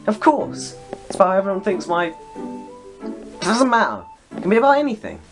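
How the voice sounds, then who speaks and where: A man's voice: high-pitched, huge pitch swings, moderate pace, music in the background, pitched above the performer's own voice, heavily acted. A man voicing a sassy, short-tempered teenage schoolgirl in a let's play reading, teasing and bratty.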